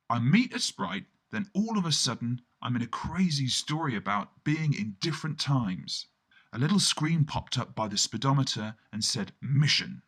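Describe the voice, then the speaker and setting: Speaking in a slightly high voice with wide pitch swings, a man narrates a surreal, scripted first-person radio monologue. The performance is theatrical, punctuated by colloquial asides and exclamations.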